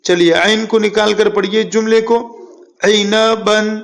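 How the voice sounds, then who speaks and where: High-voiced patient Quran reading teacher. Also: male voice, flat delivery, vocal fry. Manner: patient, drawing out syllables slowly, urging learners to repeat aloud; encouraging praise for learners. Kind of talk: Quran reading lesson drilling letter sounds.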